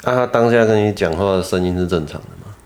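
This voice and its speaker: A man's voice: sits low, fast, darkish tone. A man hosting an interview, asking brief, probing questions. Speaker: host.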